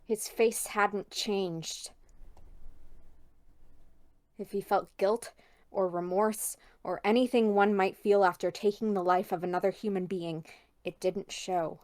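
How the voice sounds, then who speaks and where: Woman, medium pitch, expressive story narration, game read-aloud. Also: takes it slowly, long pauses. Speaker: game co-player reading narration. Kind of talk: expressive narration of visual novel text.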